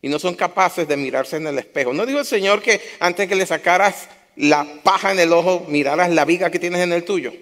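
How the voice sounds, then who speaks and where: A man's voice: high voice, fairly quick, hardly any pauses, fairly bright tone. Preaching man in a reverberant church hall. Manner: impassioned, repeats phrases for emphasis. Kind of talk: sermon.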